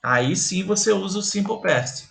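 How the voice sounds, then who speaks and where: A man's voice: high-pitched, expressive, normal speed, vocal fry, reverberant, soft background music. A Brazilian man with a Brazilian Portuguese accent, teaching an English grammar lesson in an emphatic, repetitive way that keeps checking in with the viewer.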